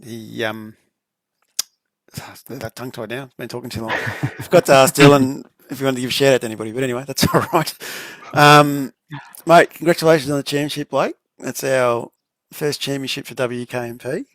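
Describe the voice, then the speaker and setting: A man casually hosting a post-race stream chat, easygoing and quick to laugh. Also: mid-range voice, steady tone, fairly bright tone, no echo. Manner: easygoing, laughs often, slang like mate. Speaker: stream commentator interviewing drivers.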